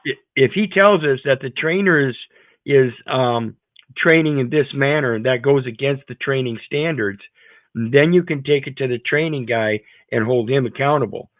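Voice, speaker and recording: A man's voice: medium pitch, normal speed, dry recording. A man hosting an informal panel discussion, blunt and emphatic, often repeating himself. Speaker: panel host. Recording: narrow phone-like line, dry.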